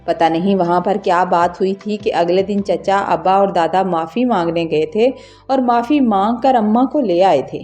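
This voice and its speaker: A woman's voice: medium pitch, darkish tone, faint music behind. A woman narrating an emotional first-person story in an earnest, scripted way.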